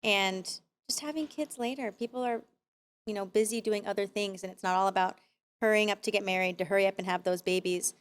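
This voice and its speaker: A woman's voice: mid-range voice, fairly even intonation, brisk. A woman in her thirties from Arizona, a podcast guest talking candidly and reflectively about her life and faith. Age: 30s. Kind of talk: casual conversation.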